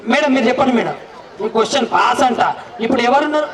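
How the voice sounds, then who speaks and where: A man's voice: very high voice, animated, rapid-fire, fairly bright tone. A man working as emcee at a wedding celebration, bantering and playfully teasing the guests to draw answers and applause. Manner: teasing, playful, coaxing the crowd. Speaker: event emcee. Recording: echoey, distant mic with crowd noise. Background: crowd.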